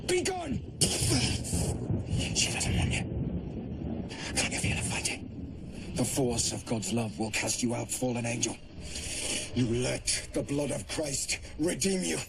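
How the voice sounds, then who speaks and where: An actor playing a defiant exorcist priest in a horror drama, intense and confrontational. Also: male voice, medium pitch, slow, gravelly, pauses often. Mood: fierce command. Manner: intense, confrontational, swinging between hush and shouts. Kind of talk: horror television drama acting. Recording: loud noisy background under dialogue.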